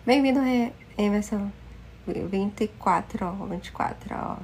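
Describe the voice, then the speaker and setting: A woman from Manaus with a Brazilian accent, hosting a casual livestream and greeting viewers one by one by name, slipping into halting Spanish. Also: mid-range voice, gravelly, a little mellow, slight background noise. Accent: Brazilian Portuguese. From Manaus, Amazonas, Brazil. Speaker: livestream host. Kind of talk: casual live chat with viewers.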